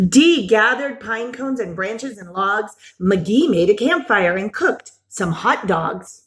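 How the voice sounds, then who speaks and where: It's a picture-book read-aloud for small children by a woman with a medium-pitched voice. Her delivery is animated and expressive, broken up by gasps, exclamations and simple questions.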